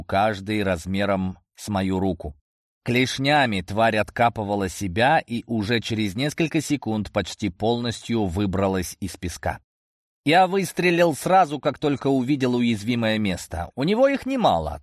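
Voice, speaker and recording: A man's voice: fairly low pitch, no echo, studio quality. A man narrating a first-person fantasy audiobook in a tense, action-driven way.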